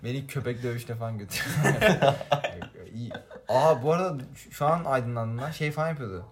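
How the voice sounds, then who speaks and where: A man's voice: mid-range voice, a little fast. A young man casually telling childhood stories to friends, laughing often and using slang. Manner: storytelling with frequent laughs and slang. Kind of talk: casual chat among friends.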